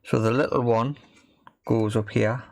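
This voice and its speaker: Working through a repair on camera, an amateur video maker talks in a mid-range, steady, creaky voice that runs a little slow. He mumbles casual, unsure, self-mocking remarks as he goes. The recording has no room sound, only faint background noise and workbench clicks.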